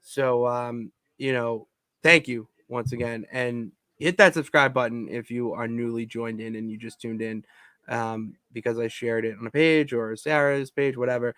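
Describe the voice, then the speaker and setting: A man co-hosting a podcast from his home basement, talking in an excitable, rambling way with many restarts. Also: medium pitch, moderate pace, clear, resonant tone, no room sound, studio quality. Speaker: podcast co-host. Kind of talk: casual chat.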